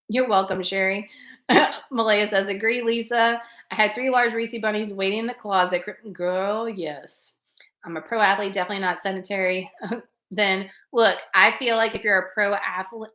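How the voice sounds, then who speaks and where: A woman's voice: medium pitch, pushed and bright, roomy sound. A woman hosting a casual live chat, laughing often and talking straight to her viewers. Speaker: livestream host reading chat.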